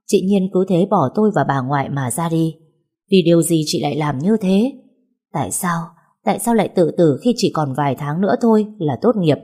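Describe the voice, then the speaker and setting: Low, husky woman narrating a novel. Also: mellow. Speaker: audiobook narrator. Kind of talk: scripted first-person novel narration.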